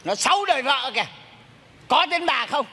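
A man's voice: very high-pitched, animated, moderate pace, sharp tone, long reverb tail, slight background noise, full character voice. A man plays a bossy sham exorcist in a live stage comedy, scolding and commanding in turn. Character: bossy sham exorcist, possessed by a stern husband. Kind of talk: Southern Vietnamese stage comedy acting. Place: theatre stage.

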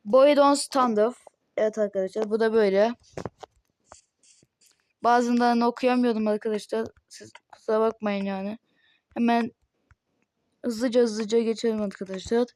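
This young Turkish gaming host casually narrates a mod showcase at a moderate pace, pausing often, rambling, and repeating "arkadaşlar" among many fillers. Her fairly high, steady, darkish voice is altered and may sound strange, with poor audio and slight background noise.

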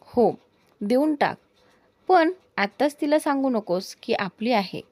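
A woman's voice: fairly high pitch, animated, slow pace, darkish tone, no room sound, pitched above the performer's own voice. Chill young guy in an audio story, teasing his buddy, woman reading him. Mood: easygoing. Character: calm, generous young man, teasing friend.

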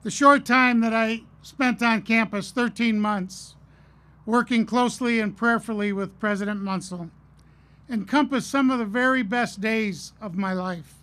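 A middle-aged man giving a commencement address at a podium, earnest and measured, telling stories with pauses. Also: sits high, pushed and bright. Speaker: commencement speaker. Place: outdoor stage at a podium. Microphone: podium mic on a stand.

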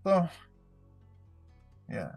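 A man's voice: drawn-out words, darkish tone, dry recording, faint music behind. A man hosting a casual spiritual talk, rambling and profane, heavy on street slang. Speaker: host.

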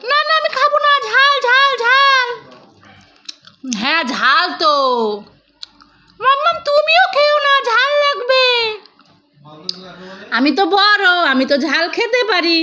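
A woman voicing a cheerful, excitable little child in a high, squealing voice. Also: slow, pauses often, lo-fi sound, slight background noise, heavily acted. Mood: playful.

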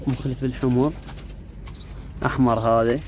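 A man with a mid-range, darkish voice and level tone speaks at a measured pace in an Iraqi Arabic accent. As a YouTuber and pigeon keeper, he chats informally and ramblingly into a handheld phone, leaning on filler phrases, in an outdoor pigeon yard with cages where pigeons coo and faint noise lingers.

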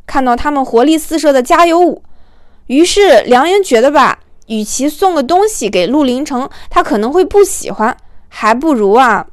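A high-voiced woman narrates an audiobook of a light romantic comedy novel, telling it expressively and colloquially and stretching out little particles the way a storyteller would. The recording is dry and close-miked, with no room sound or echo.

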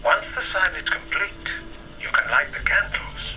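A man voicing a formal, self-serving male spiritualist, heard as an old wax cylinder phonograph recording and giving slow, formal instructions. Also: a little high, expressive, over music, poor audio. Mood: solemn. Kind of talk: game voice acting.

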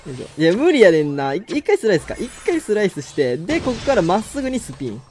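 A man with a Kansai accent giving excitable live commentary on his own game, exclaiming and laughing often. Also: high voice, fast talker, faint music behind. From Kansai, Japan. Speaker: game streamer.

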